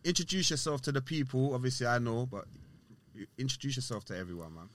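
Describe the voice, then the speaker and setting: A man's voice: medium pitch, fast, a bit bright. A man with a London roadman accent hosting a casual podcast, talking in hyped street slang with repeated tag questions. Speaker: podcast host.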